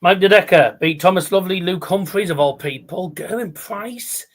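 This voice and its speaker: A man's voice: sits high, normal speed. A man giving casual live darts commentary as a stream host, chatty and rambling, with scores called out like a darts caller.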